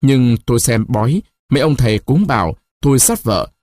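A man voicing a shy, evasive young village man who talks gently and hesitantly. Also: medium pitch, expressive, normal speed, dry recording, clean studio sound, close to an everyday voice. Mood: pleading.

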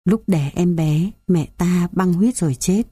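A woman voicing an elderly male Buddhist monk recalling his childhood, speaking slowly and gently. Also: on the low side, slightly rough, no echo, studio quality. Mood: reminiscent. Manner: slow, gentle storytelling.

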